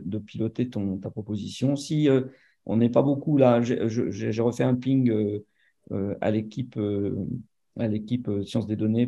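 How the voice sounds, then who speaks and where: A man hosts a seminar and introduces the guest in a halting, repetitive way, full of fillers. His voice is low and mellow with a gravelly edge. The sound is dull and lo-fi, like a video call. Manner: halting, many repeated words and fillers. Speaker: seminar host. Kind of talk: hesitant spoken introduction.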